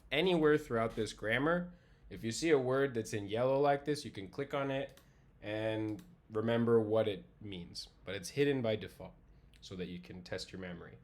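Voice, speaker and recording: Casual low-voiced man teaching online. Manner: casual, demonstrates pronunciation by repeating words slowly. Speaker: language teacher. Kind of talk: online class lecture.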